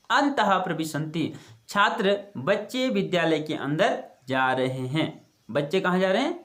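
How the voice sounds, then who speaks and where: Classroom-style teacher at a middle pitch: reads a line aloud, explains it slowly, poses questions, answers them. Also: a bit bright. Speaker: Sanskrit teacher. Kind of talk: explaining a textbook lesson.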